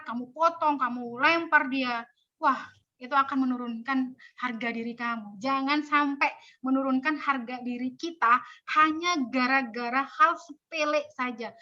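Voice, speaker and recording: A woman giving an animated communication workshop over an online call. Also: sits high, muffled recording. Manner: animated, demonstrates speaking styles, mixes in Javanese phrases. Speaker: webinar speaker on communication. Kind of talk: lively workshop talk.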